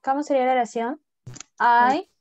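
With a high-pitched, steady voice at normal speed, a woman runs an online English class mostly in Spanish, gently urging her students to repeat words after her as pronunciation practice. The sound is lo-fi.

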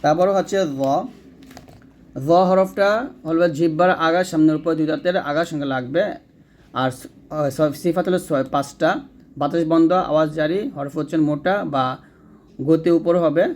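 A man teaches Quran letter pronunciation step by step, demonstrating each sound and checking in with his students, correcting his own slips mid-sentence. His voice is fairly high, steady, a little mellow and fairly quick.

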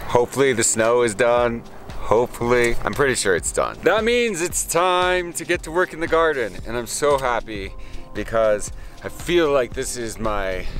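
A man in his thirties from America, with a medium-pitched and slightly bright voice, chats casually to the camera. He's a gardening vlogger, speaking in an easygoing, rambling way while outdoors in a garden.

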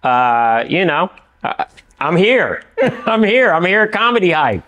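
A middle-aged man from California, an actor and writer talking as a guest in a casual studio interview, animated and full of "you know what I mean". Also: high voice, a little slow. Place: indoor studio with dark backdrop.

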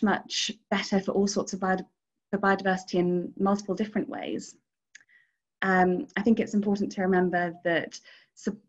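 A woman in her thirties moderating an online panel from home, friendly and hesitant with many ums. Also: mid-range voice. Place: living room at home. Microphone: video call, laptop camera. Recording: dull video call audio.

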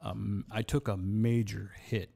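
A man's voice: lowish voice, flat delivery, unhurried, creaky, mellow. A man who is a podcast guest, telling stories from his life in a casual studio chat, earnest and often restarting with repeated words.

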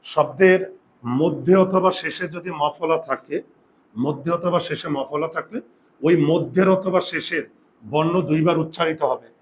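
A man's voice: a little high, a little hiss or hum. A man teaching a Bengali grammar class, explaining step by step and asking students whether they follow. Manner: drawn-out, emphatic pronunciation of example words. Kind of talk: classroom lesson.

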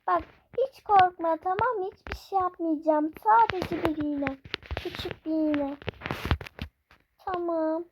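A girl voicing a calm female doctor who coaxes a scared child before a shot, in a game role-play. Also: very high-pitched, slow. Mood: coaxing. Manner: coaxing, reassuring. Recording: noisy home recording.

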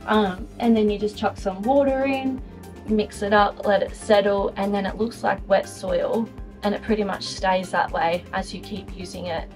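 Giving a casual walk-through of her caravan, a young Australian woman speaks at normal speed in a medium-pitched, darkish voice with fairly even intonation. The vlogger stays upbeat, using plenty of ums and likes, over faint background music.

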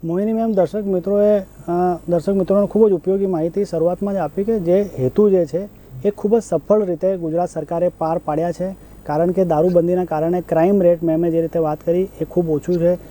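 Bright high-voiced male host. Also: fairly even intonation, fairly quick, rough recording. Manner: formal, addresses viewers and guest politely. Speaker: show host. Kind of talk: hosted news discussion.

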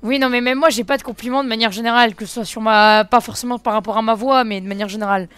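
A woman with a French accent streaming a video game, chatting with viewers in a halting way with many restarts. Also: a little high, steady tone, fairly bright tone, smooth, no echo. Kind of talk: live game stream chat. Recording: faint game music behind.

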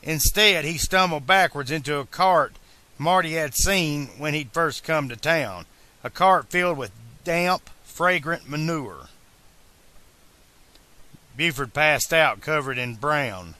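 Slow, bright-voiced male audiobook narrator. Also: on the high side, no echo. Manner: slow, deliberate reading. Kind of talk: fan audiobook reading.

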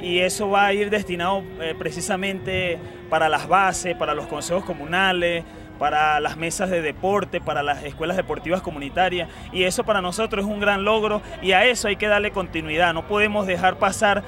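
A man in his thirties, a sports organizer, interviewed at an outdoor march, halting with many fillers. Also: high voice, steady tone. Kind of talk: street interview. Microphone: handheld reporter mic. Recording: music loud behind.

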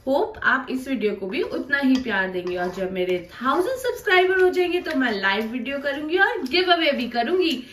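A woman's voice: high-pitched, very animated, brisk, few pauses, a bit bright, roomy sound, a little hiss or hum. A young woman hosting a home cooking tutorial, chatting through each step for her viewers. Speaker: cooking channel host. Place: home kitchen.

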